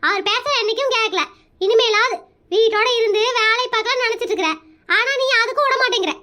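A sharp-tongued village housewife, as a woman voices her in a cartoon, speaking. Her voice is very high and bright. She talks in a brusque, scolding way, with little patience. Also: quick pace. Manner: brusque, scolding, matter-of-fact. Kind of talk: cartoon comedy voicing.

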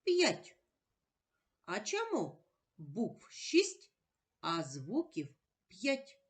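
Slow, deliberate woman teacher spelling out sounds. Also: medium pitch, big pitch swings. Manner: asks questions then answers them herself. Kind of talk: recorded primary-school lesson for children.

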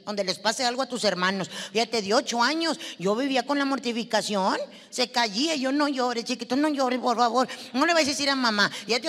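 A performer in a stand-up comedy act, playing a brash, foul-mouthed Mexican woman with a Mexican Spanish accent who is loud and sassy, swears a lot and keeps asking the audience questions. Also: medium pitch, close to an everyday voice. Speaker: stand-up comic. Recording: live hall reverb with faint noise.

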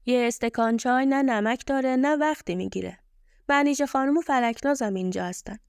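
A woman's voice: high-pitched, a little mellow, clear, resonant tone, no room sound, clean studio sound. A woman voicing a stern older uncle who scolds and lectures in a story reading. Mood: coaxing. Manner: scolding, preachy.

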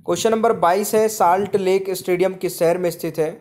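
A man with a high voice talks over quiz slides as a teacher. He reads every question, repeats it to his viewers, and then states the answer plainly. His steady classroom patter keeps to a fixed routine. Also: fairly quick. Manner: repeats each question, addresses viewers as friends. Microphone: voice-over on screen slides.

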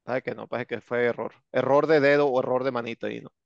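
A male English teacher with a Mexican accent, giving an online lesson in a sarcastic, slangy, joking way. His voice is gravelly with a lot of fry. The sound is dry and dull, like a lo-fi video call. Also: mid-range voice, steady tone, quick pace, no echo. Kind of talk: online class lecture.

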